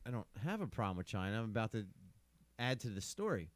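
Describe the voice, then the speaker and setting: A man's voice: fairly low pitch, big pitch swings, quick pace, dry recording. Profane, rambling podcast man. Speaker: podcast co-host. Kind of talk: casual banter.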